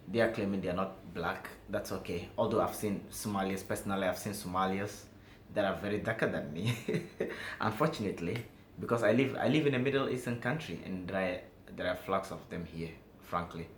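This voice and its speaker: A man from Ghana with a Ghanaian accent, speaking emphatically and directly to viewers in a talking-to-camera vlog. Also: fairly low pitch. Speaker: vlogger. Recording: echoey room with faint background noise.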